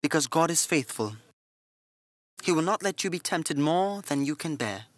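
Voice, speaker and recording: A man's voice: on the high side, lively intonation, moderate pace, no room sound, clean studio sound, pitched above the performer's own voice. Brief: earnest motherly nun, raised lighter tone, voiced by a male narrator. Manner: gentle, earnest counsel. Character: calm, devout middle-aged nun, motherly.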